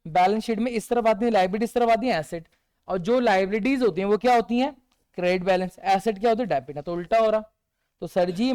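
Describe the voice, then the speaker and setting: During a revision session, a male teacher repeatedly asks rhetorical questions and often gives his own soft one-word answers. His voice is high-pitched, clear, and resonant.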